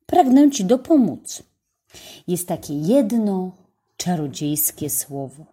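A woman reading a storybook, voicing a kind bearded old man who gently explains a secret. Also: lowish voice, big pitch swings, slow, slightly rough, full character voice. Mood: kindly.

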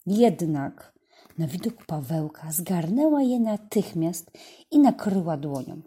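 Lektorka opowiadania, ciepła, lekko schrypnięta barwa, ekspresyjnie. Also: female voice, on the low side, slightly rough. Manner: expressive, measured. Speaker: storyteller. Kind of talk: children's story narration.

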